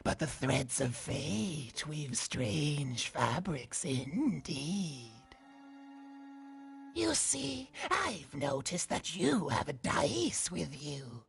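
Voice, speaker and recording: A scheming old woman from a video game, cryptic and conspiratorial. Her voice is slow and creaky, breathing into whispers as she hints and insinuates. The delivery is theatrical and swings widely in pitch. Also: big pitch swings, soft background music, full character voice. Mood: conspiratorial, coaxing. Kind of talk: video game character acting.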